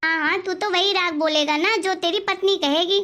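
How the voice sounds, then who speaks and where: A woman voicing a scolding, self-pitying grandmother in an animated family story. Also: extremely high pitch, normal speed. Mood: grumbling.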